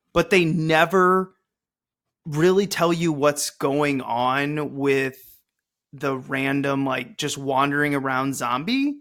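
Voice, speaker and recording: A man's voice: fairly high pitch, fairly bright tone. A man hosting a podcast, reviewing a movie in casual, jokey, rambling chat. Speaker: podcast host.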